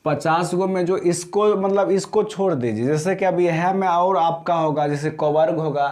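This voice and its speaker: Rich: A man with a slightly high-pitched voice, teaching a grammar lesson. He explains step by step and keeps checking that the class is following. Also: darkish tone. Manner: explains slowly, repeats "समझ गए ना?" to check understanding.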